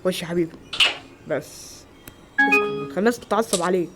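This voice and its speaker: A man with an Egyptian Arabic accent acting several everyday roles in a homemade skit, with quick, exclamatory lines. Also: sits high, over loud music, lightly acted. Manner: quick, loud, exclamatory dialogue. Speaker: amateur actor.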